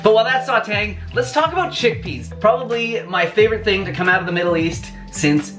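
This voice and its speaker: Music runs clearly under the voice of this upbeat young man, who hosts a cooking vlog from what sounds like a small home kitchen. Talking high and a little fast, he addresses the camera as "you guys," chatty and warm as he cooks.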